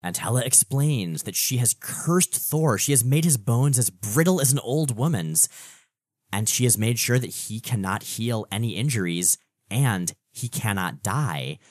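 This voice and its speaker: A man's voice: mid-range voice, animated, a little slow, no echo, studio quality. A man co-hosting a conversational comic-book recap show, telling the story expressively. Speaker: podcast co-host.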